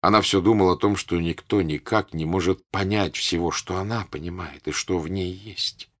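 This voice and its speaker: Husky man reading a classic novel. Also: low voice, moderate pace. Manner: expressive, melodic reading. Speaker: audiobook reader. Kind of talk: literary narration.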